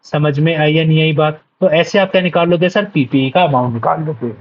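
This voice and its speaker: A man's voice: a little high, a little fast, lo-fi sound. A male accounts teacher giving an exam revision lecture. He keeps checking whether the students follow, answers "yes sir" for them and repeats each key point.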